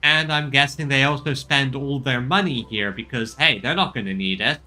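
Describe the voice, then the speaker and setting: A man with a very bright, forward voice at a middling pitch comments casually on a game. He streams with wry, off-the-cuff asides, and faint music plays behind him. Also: normal speed. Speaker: gaming streamer.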